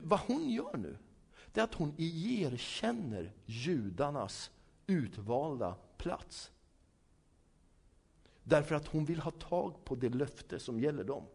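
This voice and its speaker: Male preacher, sermon, high voice, very lively pitch, conversational, rhetorical questions. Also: slightly rough. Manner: acts out quoted dialogue, dropping low and soft for asides.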